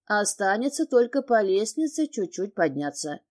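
A woman reading the part of a husband who is a doctor, speaking curtly and gruffly in her own mellow voice. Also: mid-range voice, sing-song, normal speed, natural voice. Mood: stern. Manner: gruff and curt.

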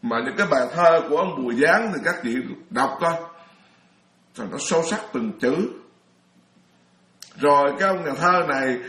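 A man's voice: fairly high pitch, bright, forceful tone, reverberant. A middle-aged man from Vietnam, a Buddhist monk giving a chatty dharma talk, telling stories with frequent laughs and restarts. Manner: chatty storyteller, laughs often, many restarts.

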